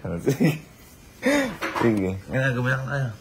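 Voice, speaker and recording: A man's voice: medium pitch, takes it slowly, heavy background noise. Playful man teasing in casual chat. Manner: teasing, playful, laughs often. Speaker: vlogger.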